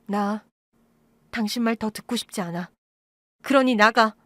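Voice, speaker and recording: A woman voicing a cold, bitter young daughter who accuses her birth mother in a quiet voice, in an audio drama. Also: a little high, a little slow, no echo.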